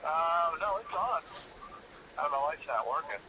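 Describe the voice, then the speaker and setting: A man's voice: fairly high pitch, big pitch swings, normal speed, pushed and bright. A man calling into an online class, heard over a phone on speaker, giving short, hesitant replies. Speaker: webinar attendee calling in. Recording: noisy phone line on speaker.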